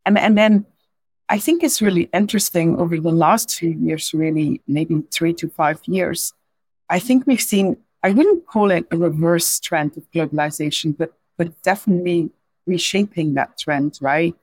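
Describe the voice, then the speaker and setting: Speaking at a moderate pace, this woman has a lowish, slightly mellow voice with a breathy edge, captured in a dry recording. She's an insurance executive in her forties from Belgium, a non-native English speaker with a Belgian accent, guesting on a podcast and answering questions reflectively, frequently restarting and adding "right?".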